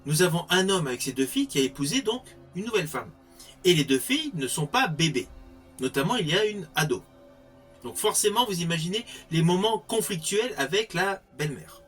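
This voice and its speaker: A man's voice: high voice, big pitch swings, a little fast, a bit bright, soft background music. A man giving a spoken film review in an articulate way with formal wording.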